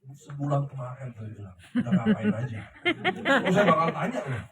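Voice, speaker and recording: Speaking with big pitch swings at a medium pitch and moderate pace, a middle-aged man leads his company team through a motivational talk that is emphatic and preachy. He keeps asking the seated crowd "ngerti ya?" to confirm they follow; the large room echoes and his voice is distant and off-mic.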